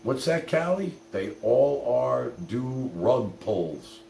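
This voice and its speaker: Slow and dark-toned with vocal fry, a middle-aged livestream host swings his medium-pitched voice widely as he rambles bluntly through personal stories for live viewers, swearing and saying "you know" a lot. The audio carries roomy echo plus faint hum and noise.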